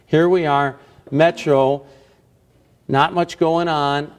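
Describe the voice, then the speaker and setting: A man's voice: a little high, steady tone, takes it slowly. Male TV meteorologist tracking storms live. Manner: short, emphatic phrases. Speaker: chief TV meteorologist. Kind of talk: live weather commentary at the radar.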